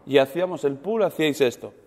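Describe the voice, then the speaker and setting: A man coaching a weightlifting seminar group, animated and demonstrative, checking in with his listeners after almost every point. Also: a little high, quick pace. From Spain. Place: large gym hall. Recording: long gym reverb.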